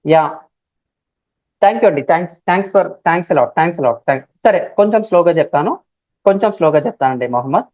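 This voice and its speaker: A woman with a Telugu accent teaching a live online class, speaking loudly and repeating key phrases, sometimes spelling words out letter by letter. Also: fairly low pitch, expressive, normal speed, no echo. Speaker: digital marketing trainer. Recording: dull, dry lo-fi stream audio.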